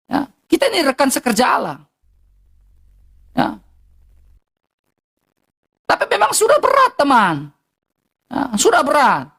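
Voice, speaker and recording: A woman's voice: high voice, wildly swooping pitch, unhurried, creaky, long pauses, fairly bright tone. Emphatic woman, eastern Indonesian accent. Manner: emphatic, repetitive, blunt. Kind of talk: heated livestream rant.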